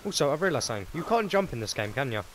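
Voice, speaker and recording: A young man, chatting casually while playing a game, swearing a lot and breaking into excitable outbursts. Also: fairly high pitch, racing, slight background noise. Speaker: gaming host. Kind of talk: casual gameplay chat.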